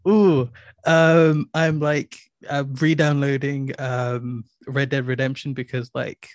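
A man's voice: mid-range voice, flat delivery, slow pace, no room sound. A man chats on a podcast, eager, with frequent restarts and fillers. His voice sits mid-range. The recording is dry and close. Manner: enthusiastic, stumbling restarts. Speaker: podcast co-host. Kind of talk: casual chat.

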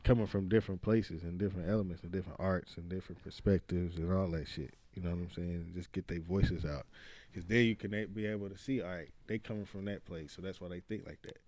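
A man's voice: low-pitched, steady tone, fast, darkish tone, no echo. A man, talking casually with slang, swearing and repeated phrases for emphasis. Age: late 20s. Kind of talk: casual group chat.

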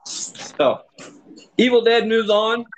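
A man's voice: high-pitched, animated, slow, rough recording. A man from Texas hosting a casual podcast chat, stumbling over words and swearing freely. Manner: stammering, profane, restarts often. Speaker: podcast host. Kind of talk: casual banter.

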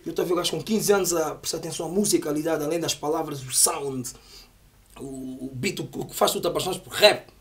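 A middle-aged man talks very quickly in a casual interview. He is a rapper who reflects on his work in slangy, animated storytelling, often checking that the listener follows. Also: a little high. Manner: animated, reflective, peppered with "yeah" and "estás a ver".

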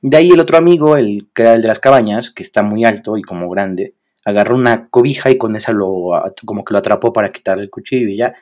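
A young man with a Mexican accent and a fast, lowish voice co-hosts a podcast, casually telling a story. He's animated and slangy, acting out the voices of the people he quotes.

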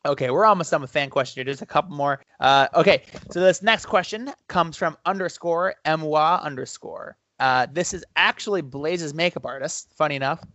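A man's voice: a little high, moderate pace, hardly any pauses, a bit bright, dry recording, highs cut off. A man co-hosting a podcast, chatting casually and reading out fan questions. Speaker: podcast co-host.

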